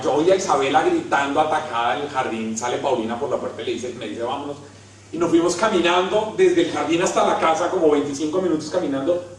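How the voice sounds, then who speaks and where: A Colombian preacher with a high voice tells funny stories about himself, dropping to a hush and then rising again. He sounds far from the mic in a very echoey hall. Faint noise sits under the recording. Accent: Colombian Spanish. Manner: storytelling, self-mocking, swings from hushed to loud. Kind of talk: humorous sermon. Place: large hall.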